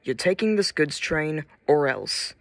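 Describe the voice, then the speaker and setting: A man's voice: a little high, very animated, a little slow, vocal fry, no echo, heavily acted. A man voicing a pesky, bossy male railway yard manager who barks orders and threats.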